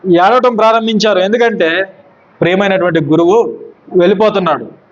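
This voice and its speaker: A man preaching a sermon who asks his listeners questions and answers them himself, dropping low and slow on scripture quotes. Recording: dull lo-fi recording.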